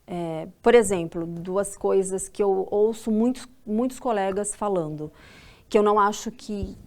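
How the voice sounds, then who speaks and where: A woman's voice: medium pitch, unhurried. A woman with a Brazilian Portuguese accent, a dubbing professional, giving firm opinions in a documentary interview. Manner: opinionated, explanatory.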